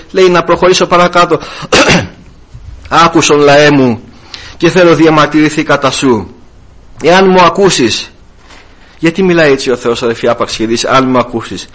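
A man preaching an evangelical sermon, calling out to his brothers and swinging his voice up and down for emphasis. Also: fairly bright tone. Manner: repeatedly addresses "brothers", rises and drops in pitch for emphasis.

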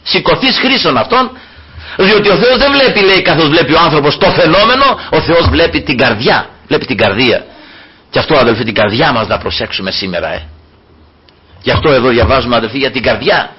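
A man preaching a sermon, retelling scripture with lively storytelling and often calling the listeners brothers. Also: mid-range voice, slightly rough. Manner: animated storytelling, acting out voices, addresses listeners as brothers. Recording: dull lo-fi recording.

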